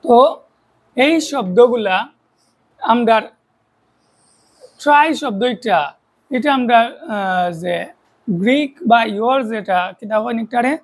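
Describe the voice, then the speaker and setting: High husky Sylheti woman teaching math. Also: takes it slowly, pauses often, poor audio. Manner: explains step by step, keeps checking with rhetorical questions. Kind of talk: online video lesson.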